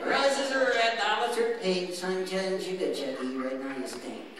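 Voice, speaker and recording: A man voicing a cheeky, wisecracking boy dummy with a squeaky voice in a live ventriloquist stage act. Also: unhurried. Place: theatre stage, handheld-or-stand microphone, filmed from audience. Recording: echoey noisy theatre, distant, crowd reacting.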